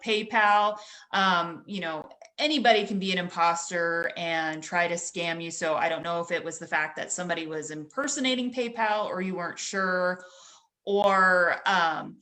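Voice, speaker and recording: A woman's voice: mid-range voice, normal speed, sharp tone. A woman guest and security expert giving practical advice in an interview, with plenty of you-knows. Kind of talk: explanatory interview talk.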